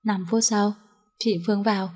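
Woman audiobook narrator, monotone reading, middle pitch, same voice for all characters. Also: normal speed. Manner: reads all characters in one even voice. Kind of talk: scripted storybook narration.

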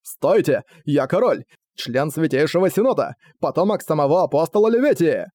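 A man's voice: fairly high pitch, expressive, normal speed, a little mellow, no echo, studio quality, close to an everyday voice. A man voicing an arrogant male king, indignant about his rank.

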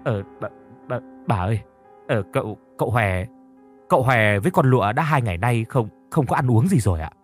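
A man's voice: mid-range voice, lively intonation, brisk, soft background music, natural voice. Man putting on a shy young servant girl, stammering, deferential, hesitant, spooky storybook. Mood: timid. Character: timid young female house servant.

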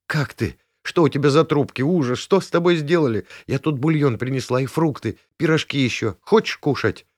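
A man reading an audiobook, voicing a brash, nosy young woman who talks loudly and teases. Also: medium pitch, brisk, hardly any pauses, dry recording, clean studio sound, pitched above the performer's own voice, natural voice. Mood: worried. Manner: teasing, jealous, loud. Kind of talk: audiobook character voice.

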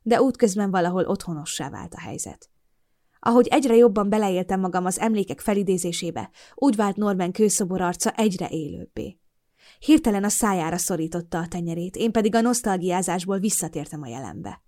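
A young adult woman narrating a novel in the first person, in a gentle, reflective storytelling voice, recorded on a studio microphone. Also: lowish voice. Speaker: audiobook narrator.

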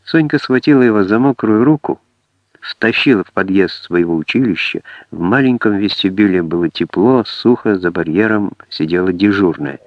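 A man reading an audiobook in a measured storytelling manner. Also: low-pitched, no echo. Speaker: audiobook narrator. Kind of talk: scripted narration. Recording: dry, dull lo-fi audiobook.

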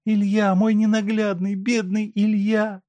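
A man's voice: high voice, normal speed, a little mellow, dry recording, voice pushed up, natural voice. A man reading aloud and voicing a desperate, tearful wife who pleads with a doctor for her husband. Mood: anguished. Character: desperate grieving wife, middle-aged woman.

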